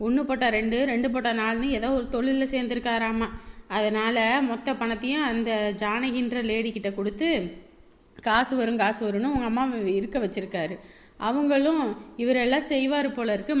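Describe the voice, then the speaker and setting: An actress playing a sister-in-law who scolds and explains at length in a reproachful tone. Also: female voice, fairly high pitch, lightly acted. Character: sister-in-law, stern and lecturing.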